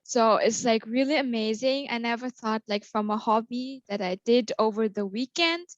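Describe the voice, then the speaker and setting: Appearing as an interview guest in a casual conversation, a young Austrian woman speaks fluently and upbeat at normal speed, using many fillers. Her fairly high voice has no room sound, though the call audio is slightly dull and lo-fi.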